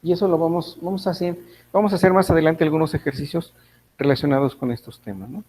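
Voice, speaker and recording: A male physics teacher with a Mexican Spanish accent walks his students through a lesson, thinking aloud, correcting his own slips and asking them to check. His voice sits a little high and sounds mellow rather than bright. A faint steady noise runs underneath. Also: quick pace, rough recording. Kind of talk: online class lecture.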